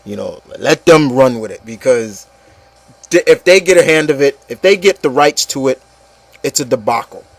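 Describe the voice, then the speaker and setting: Medium in pitch and creaky, this animated host talks at a normal speed with no echo. He's frustrated and blunt on his casual opinion show, cursing, stumbling over words and repeating phrases as he vents alongside a co-host.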